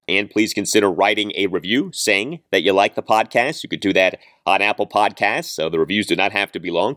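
Low-pitched, very animated male podcast host. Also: no room sound, clean studio sound. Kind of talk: sports recap monologue.

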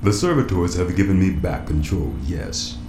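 A man voicing a calm, cold bunker-control computer AI in an audio drama, with a too-smooth, synthetic, android-like voice and slow, formal speech. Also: low voice. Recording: echoey room with clear background noise.

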